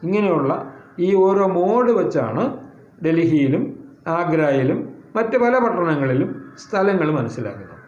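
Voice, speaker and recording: A male teacher with a Malayali accent works through a Hindi lesson, reading each line aloud and then explaining it. His voice sits high for a man. The room around him is echoey. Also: very animated, moderate pace, a little mellow, lo-fi sound.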